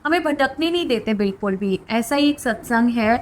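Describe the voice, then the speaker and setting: A woman earnestly sharing her spiritual experiences as a devotional testimony, in a heartfelt storytelling manner with soft filler words. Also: fairly high pitch, animated, moderate pace, slight background noise.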